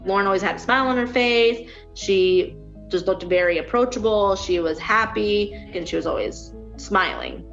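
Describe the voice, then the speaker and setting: A woman's voice: mid-range voice, expressive, normal speed, a bit bright, faint music behind. Woman on a dull lo-fi recording. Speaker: interviewee, sister. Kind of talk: interview recollection.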